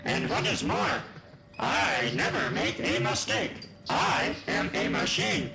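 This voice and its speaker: A proud, stubborn machine speaks in a robot voice that is low and gravelly. Its pitch swings up and down across a wide range while every word comes out slow and deliberate. The sound carries an echoing, roomy studio ring. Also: male voice, wildly swooping pitch, music in the background, heavily acted. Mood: stiff, boastful. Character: self-important male robot machine, boastful and stubborn. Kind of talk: children's TV puppet sketch.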